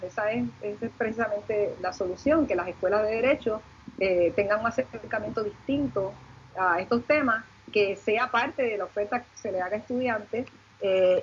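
A woman's voice: mid-range voice, highs cut off, slight background noise. A woman with a Puerto Rican Caribbean Spanish accent explaining reflectively on a panel, searching for her words as she goes. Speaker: law lecturer and panelist.

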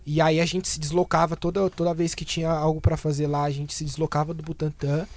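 A man's voice: a little high, little pitch movement, fairly quick, over a noisy crowd. A man, talking as a panel guest in a casual discussion, hesitant and often tagging his sentences with questioning asides.

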